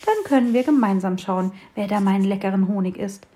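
A woman voicing a small, grumpy, excitable sparrow in a children's storybook, scolding and fretful. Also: medium pitch, a little fast, lightly acted. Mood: chatty.

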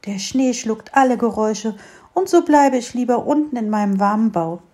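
A woman voicing a shy, gentle blind male mole in a storybook reading, talking softly and wistfully. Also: a little high, lively intonation, normal speed, close to an everyday voice.

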